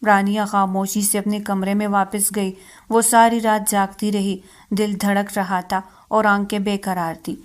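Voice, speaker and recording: A woman narrating a romance novel in a steady, even reading. Her voice sits at a middle pitch, and she keeps the same measured delivery throughout.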